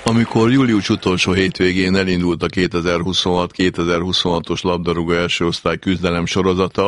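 A man's voice: sits low, no room sound, studio quality. A man presenting a sports radio replay show with scripted narration of football results.

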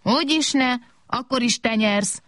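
A woman's voice: a little high, fairly bright tone, no echo, studio quality, voice pushed up, natural voice. A woman voicing a small, impatient robot who whines and insists on winning, in a storybook reading. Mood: eager. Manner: whining, insistent.

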